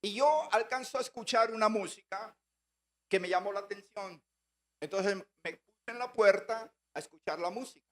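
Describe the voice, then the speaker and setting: Brief: high-pitched male churchgoer, personal testimony, storytelling delivery, repeats phrases for emphasis. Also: moderate pace, a bit bright. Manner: storytelling, acting out remembered dialogue. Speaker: church member giving a testimony.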